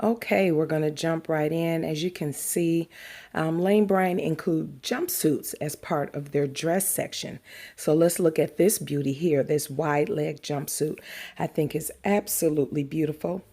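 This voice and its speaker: A sewing vlogger with a deep, low voice chats casually to her channel's camera, taking her time. She sounds slightly nasal from a cold, drags out words she's fond of, and fills pauses with plenty of ums and uhs.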